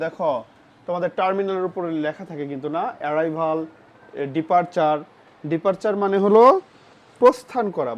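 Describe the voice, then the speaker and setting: Teacher for a children's phonics lesson, patient and repetitive, mid-pitched voice, muffled recording. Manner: spells words letter by letter and asks questions of the pupils; patient, repeats each word and its meaning. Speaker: English vocabulary teacher for children. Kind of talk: classroom-style phonics lesson.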